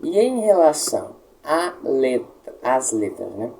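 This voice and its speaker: Slow, dark-voiced teacher. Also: male voice, mid-range voice, big pitch swings, gravelly, poor audio. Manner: patient, explains slowly, checks with "tá?" and models words. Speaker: Latin teacher. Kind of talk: pronunciation lesson.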